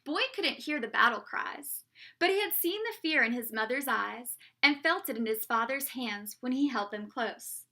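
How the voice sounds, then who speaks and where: A woman teacher reading a children's picture book aloud and pausing to ask the young listeners questions. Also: on the high side. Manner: slow, expressive storytelling voice.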